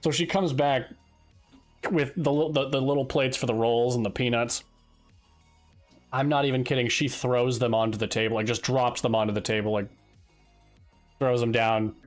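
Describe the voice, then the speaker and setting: A man's voice: mid-range voice, steady tone, moderate pace, pauses often, soft background music. A young man chatting on a live stream, telling a rambling story with frequent restarts and exasperated asides. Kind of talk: casual chat while live streaming.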